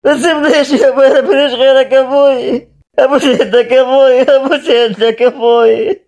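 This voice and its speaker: Guy doing a weepy egyptian cartoon son, high voice, quick and begging. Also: fairly even intonation, a little mellow. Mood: tearful. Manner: tearful, pleading. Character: grieving young son begging to stay by his father.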